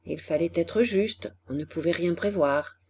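A woman narrates a classic novel in an audiobook reading. Her voice is husky and breathy, and she takes her time, unhurried and deliberate over each phrase. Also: lowish voice, a little mellow. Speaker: audiobook reader. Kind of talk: scripted literary narration.

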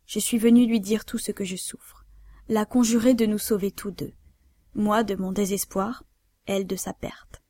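A woman's voice: mid-range voice, flat delivery, normal speed, dark tone, dry recording, natural voice. A woman voicing a desperate nobleman in love, urgent and imploring, in a read-aloud story. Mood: vehement.

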